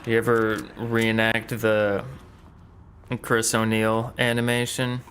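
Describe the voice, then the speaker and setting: Slow, dry-talking male gamer. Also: fairly low pitch, completely flat delivery, a bit bright, slight background noise. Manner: dry, sarcastic asides. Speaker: let's play streamer. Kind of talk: casual gameplay commentary.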